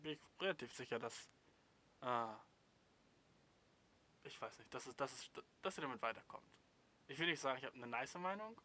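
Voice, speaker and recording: A man's voice: medium pitch, animated, normal speed, long pauses, pushed and bright, slight background noise. Young man, slangy casual talk, blunt and mocking, answering viewer messages. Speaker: advice streamer reading viewer messages.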